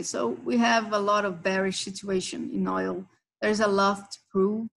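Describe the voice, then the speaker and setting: Slow, gravelly-voiced woman trading host. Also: medium pitch, low-quality recording. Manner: explanatory, talks members through price levels. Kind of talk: live chart walkthrough.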